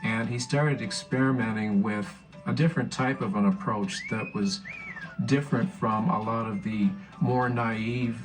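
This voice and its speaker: Lowish voiced guy explaining calmly, soft guitar music behind. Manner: measured, explanatory. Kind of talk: documentary interview.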